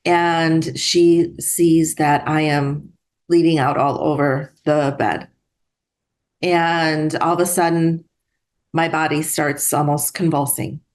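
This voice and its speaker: Middle-aged woman guest, bit low voice, earnest halting storytelling, lots of restarts. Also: fairly even intonation, a little mellow. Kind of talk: personal storytelling.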